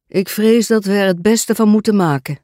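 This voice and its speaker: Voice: mid-range voice, normal speed, darkish tone, no room sound, clean studio sound, voice pushed up, natural voice. A narrator putting on a fussy, aggrieved old priest. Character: complaining pompous male parish priest.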